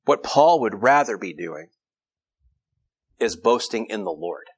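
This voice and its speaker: A man's voice: fairly low pitch, lively intonation, unhurried, husky. A man preaching an earnest sermon, reading scripture aloud and often restarting his phrases. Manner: frequent repetitions and restarts.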